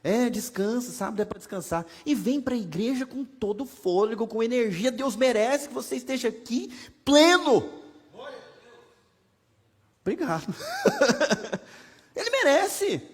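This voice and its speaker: A man with a Brazilian Portuguese accent preaching a sermon as pastor, conversational and humorous, with many rhetorical questions. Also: very high voice. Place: church sanctuary. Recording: long hall reverb from a church.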